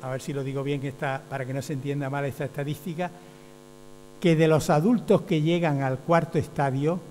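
Lecturing teachers in an explanatory way, this trainer goes step by step, keeps checking in with "¿ve?" and voices the people he quotes. He speaks fairly quickly with a dark tone, fairly high pitch and fairly even intonation, recorded with a hum and long hall reverb.

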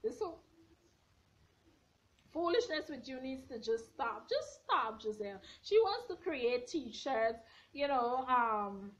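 A twenty-something woman with a high, slightly hoarse voice speaks slowly as she gives her blunt, sassy take on a reality show. She sits indoors in her bedroom, holding a front camera at arm's length and gesturing animatedly, and the webcam audio is dull and lo-fi.

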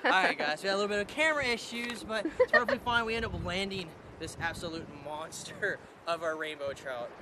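This high-pitched young man excitedly vlogs his riverbank fishing trip, addressing viewers and repeating exclamations, with crowd noise present. Rushing river sounds fill the casual outdoor recording, made with an on-camera mic and a head-mounted camera.

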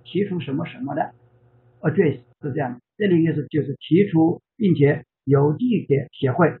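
Older-sounding tutor, man, raspy and gravelly, calm and measured, phone-like audio. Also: a little high. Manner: measured explanations, hedged and modest. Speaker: teacher advising on grammar. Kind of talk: explaining grammar on a call. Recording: phone-like online call audio.

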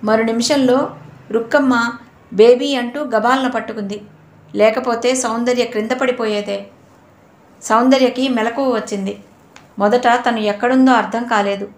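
Brief: female audiobook narrator, measured, slightly high pitch, roomy echo. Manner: steady, measured storytelling. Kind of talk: scripted narration of a novel.

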